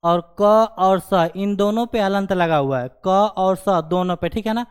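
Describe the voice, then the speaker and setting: A male teacher walks through a grammar lesson at an unhurried, deliberate pace. His voice is smooth and clear, and he keeps checking in with the listener after each small step. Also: high voice. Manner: repeats "ठीक है ना" as a check-in filler. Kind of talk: slow explanatory grammar lesson.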